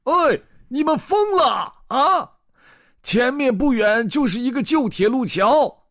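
A man voicing an angry old farmer in a children's storybook, shouting shrilly from a distance. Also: extremely high pitch, lively intonation, slow, voice pushed up, full character voice. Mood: furious.

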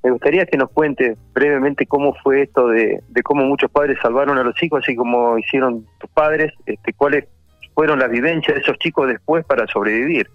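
A man interviewing a guest on the radio, quick and conversational. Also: medium pitch, no room sound, lo-fi sound, soft background music.

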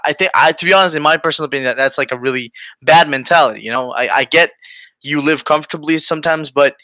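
A man with an Aruban accent hosting a casual conversation, often halting to search for words and leaning on "you know". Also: on the high side, bright, forceful tone, no room sound. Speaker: podcast host.

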